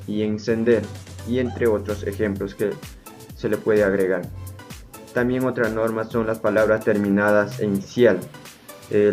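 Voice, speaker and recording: A man's voice: lowish voice, a little mellow. A young man giving a student class presentation, hesitant, with frequent fillers. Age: young adult.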